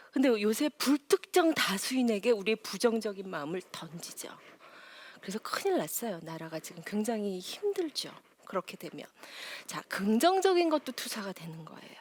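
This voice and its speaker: A woman giving a lively parenting lecture, acting out quotes in high voices and dropping to near whispers for emphasis. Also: normal speed, breathy edge. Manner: animated, acts out quotes in high voices, laughs often. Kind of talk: lively lecture to a live audience.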